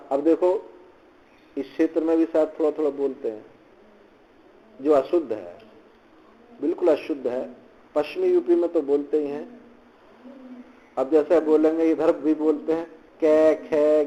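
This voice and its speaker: A male swami teaching scripture, reciting Sanskrit lines and explaining them slowly in Hindi, often repeating phrases. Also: fairly high pitch, mellow, highs cut off. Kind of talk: slow scripture commentary lecture.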